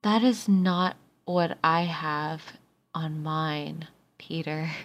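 A woman's voice: sits low, very slow, lo-fi sound. A woman chatting casually as a player in a group game stream. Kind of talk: casual, reactive chat.

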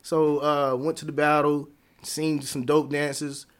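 A man in a casual interview, talking about dance in a relaxed, rambling way full of fillers and slang. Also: fairly high pitch, takes it slowly. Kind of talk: casual conversation.

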